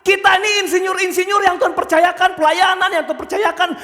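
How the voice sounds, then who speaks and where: A man preaching a sermon, acting out the characters in his stories with loud, animated shouts and asking the congregation questions. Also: extremely high pitch, fast. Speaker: pastor. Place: church. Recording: church hall reverb.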